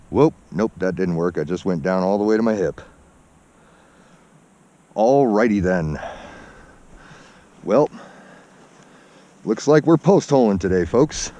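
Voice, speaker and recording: An outdoor vlogger with a lowish, slightly mellow voice gives a casual, folksy walk-along narration as he hikes uphill on a snowy forested mountainside, a bit out of breath. It's captured on a body-worn action camera, so the sound is dull and muffled with outdoor noise around him.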